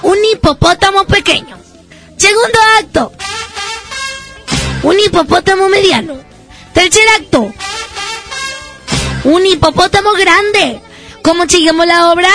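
High-voiced playful woman radio host. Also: over music. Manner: playful, teasing, quick jokes. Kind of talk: comic morning radio banter. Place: radio studio booth.

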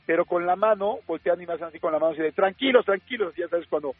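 A man with a Mexican accent, a radio host telling an anecdote in a lively way, full of fillers and acted-out quotes. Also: a little high, rapid-fire, dry recording. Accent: Mexican Spanish. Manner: lively storyteller acting out quoted dialogue, many fillers. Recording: narrow phone-like sound, faint music.

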